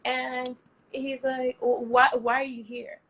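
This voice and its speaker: A woman's voice: high-pitched, slow. A woman in her thirties from Miami, Florida, a travel platform founder telling her story in a casual interview, chatty and full of fillers. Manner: chatty, animated retelling with acted-out quotes and many fillers.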